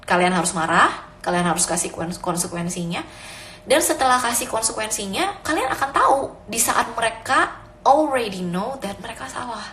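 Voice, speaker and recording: A young mother with a medium-pitched, slightly bright voice offers casual, earnest parenting advice, moving freely between Indonesian and English. The recording carries a little hiss or hum and was made in an echoey room with faint ambience.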